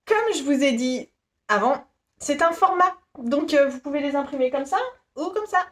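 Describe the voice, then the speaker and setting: Woman, thirties, casual vlog chat, giggly, self-deprecating, raised pitch. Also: lively intonation, moderate pace. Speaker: YouTuber presenting her shop.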